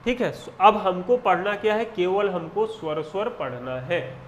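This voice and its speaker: A man's voice: sits high, a little slow, roomy sound, lo-fi sound, a little hiss or hum. A male teacher giving an exam-prep lecture, asking questions and answering them himself, spelling out definitions word by word. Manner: drills terms with questions and answers to students.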